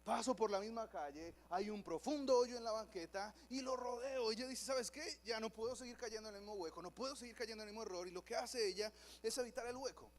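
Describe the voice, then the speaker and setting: A man preaching a lively sermon in a church, acting out the voices of people in his stories. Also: high voice, quick pace, hardly any pauses. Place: church hall.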